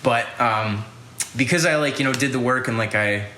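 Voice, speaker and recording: Young male podcast host, rambling and casual, bright voice in an echoey room. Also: mid-range voice, normal speed, a little hiss or hum. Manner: rambling, lots of "like" fillers and swearing. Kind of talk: casual storytelling.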